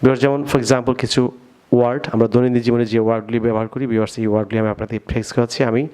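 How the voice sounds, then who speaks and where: Man, Bangladeshi Bengali accent, English teacher, middle-pitched voice, drills words for viewers to repeat. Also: little pitch movement, very fast, warm tone, clean tone. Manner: keeps addressing viewers, has listeners repeat words after him. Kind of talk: pronunciation lesson.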